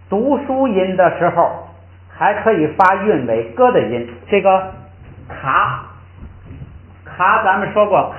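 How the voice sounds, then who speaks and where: Animated older male teacher on a tinny line. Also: on the high side. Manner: demonstrates tones by drawing out and repeating syllables. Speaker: Tibetan language teacher. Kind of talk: lively classroom explanation. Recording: tinny, echoey room sound.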